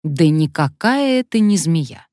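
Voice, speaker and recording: A woman voicing a brisk, bossy middle-aged woman who teases and gives orders, in a low voice. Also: very animated, darkish tone, no room sound, studio quality. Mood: bossy ironic.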